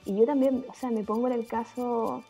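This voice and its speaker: A woman's voice: on the high side, fairly even intonation, normal speed, mellow, slightly rough. A Chilean mother chatting casually in a frank, emphatic, slang-heavy way. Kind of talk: casual chat. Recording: dull lo-fi audio with faint music.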